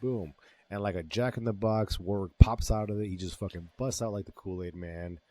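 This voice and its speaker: Low-voiced guy on a podcast, swearing a lot while he walks through a movie plot, pretty laid back. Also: fairly quick, mellow. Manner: profane, enthusiastic retelling. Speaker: podcast co-host. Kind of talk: casual movie-recap chat.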